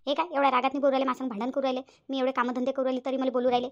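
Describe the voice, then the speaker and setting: A woman's voice: high voice, level tone, very fast, highs cut off, voice pushed down. A woman voicing an indignant young daughter-in-law in a cartoon, with a Vidarbha Marathi accent. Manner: indignant, defensive. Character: young daughter-in-law, defensive and sharp-tongued. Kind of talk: cartoon voice acting.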